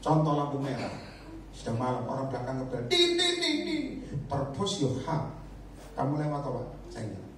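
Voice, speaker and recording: A man preaching a lively sermon, joking the congregation and acting out the voices of the people in his stories. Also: mid-range voice, a little fast, slight background noise. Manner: animated, jokes and asks the crowd to raise hands; acts out voices of disciples and believers. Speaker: evangelist preacher. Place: church or prayer meeting hall. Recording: echoey hall, recorded from far off.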